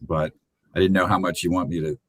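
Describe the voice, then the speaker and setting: Low-voiced man explaining a website. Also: brisk, no echo. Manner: relaxed, hesitant with fillers. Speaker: web designer. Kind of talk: casual explanation on a call.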